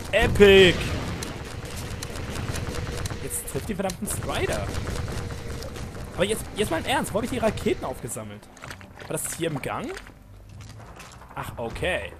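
A man giving casual let's play commentary on a shooter game, excitable and quick to panic. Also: sits high. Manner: excitable, panicky yelps and nervous laughs. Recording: game gunfire and noise under voice.

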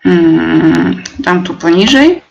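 A young woman teacher leading a live webinar, explaining step by step with many fillers and pauses. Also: on the low side, expressive, vocal fry, darkish tone, dull audio, a little hiss or hum. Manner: slow, hesitant, many fillers, reads out chat replies.

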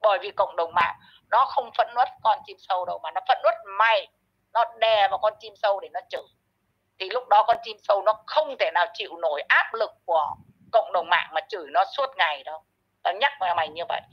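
Here the channel host talks fairly quickly in a medium-pitched voice with lively intonation and a breathy edge. Her commentary is a harsh rant in which she scolds and insults a person who isn't there, addressing them head-on, all captured in muffled, lo-fi sound.

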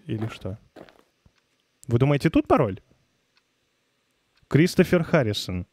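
A man's voice: medium pitch, very animated, a little slow, a little mellow, no room sound. Casual man streaming a game, dry close mic. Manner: informal, muttering puzzlement, frequent swearing. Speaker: live streamer. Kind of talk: casual gaming live stream commentary, reading and answering chat. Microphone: close streaming microphone.

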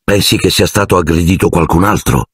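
A man's voice: deep voice, fairly quick, a bit bright, slightly rough, no echo, studio quality. A man voicing a nervous, cautious schoolboy wizard with an anxious, slightly raised voice. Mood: worried.

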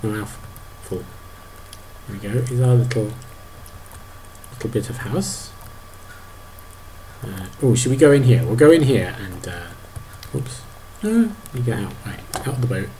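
A man in his thirties narrating a video game to his toddler, animated, exclaiming and making playful sound effects. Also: lowish voice, unhurried, long pauses, a little hiss or hum. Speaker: parent playing a video game.

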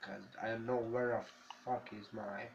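A man's voice: fairly low pitch, flat delivery, moderate pace, vocal fry. A man chatting bluntly and swearing while playing a game with a friend. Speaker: co-player. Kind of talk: casual gameplay chat. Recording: dull lo-fi mic with faint noise.

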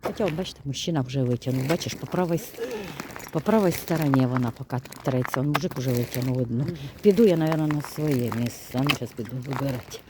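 A woman's voice: extremely low pitch, quick pace. Woman, casual vlog chatter, outdoors, noisy wind-blown phone audio. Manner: chatty, talks to viewers while walking. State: out of breath. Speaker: vlogger. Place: outdoors on a frozen lake.

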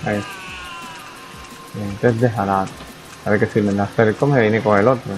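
A young gaming YouTuber gives casual let's-play commentary on a survival game, reacting aloud to what happens on screen and talking to himself. His voice is on the low side, steady in tone and a little slow. The recording is rough and has music underneath.

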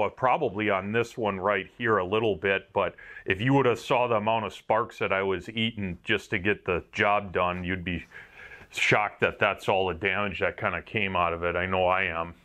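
Fairly low and fairly bright, the voice belongs to a welder with a Wisconsin accent. He reviews his work gear in an offhand, wandering way, mocking himself and throwing in some swearing.

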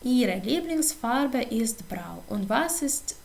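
A woman with a Ukrainian accent teaching German to pupils, reading textbook sentences slowly and translating them into Ukrainian. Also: fairly high pitch, big pitch swings, gravelly, a little mellow. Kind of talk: slow textbook walkthrough for pupils.

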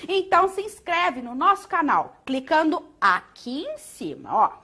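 Bubbly orange bird puppet played by a woman, high and lively, chatty promo energy. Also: a little slow, heavily acted. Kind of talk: puppet show outro.

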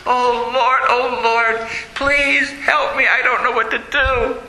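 A man's voice: sits high, very animated, unhurried, pushed and bright, echoey room, voice pushed up, full character voice, poor audio. A man preaching, acting out a young friar who blurts out his feelings. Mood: pleading. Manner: exclaiming, emotional outbursts. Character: young friar, impulsive and emotional.

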